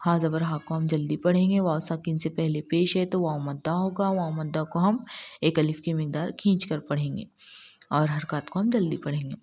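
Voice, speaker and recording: A woman teaching Quran recitation step by step, patiently repeating syllables slowly and drawn out. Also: sits low, steady tone, warm tone, husky. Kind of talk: step-by-step tajweed lesson.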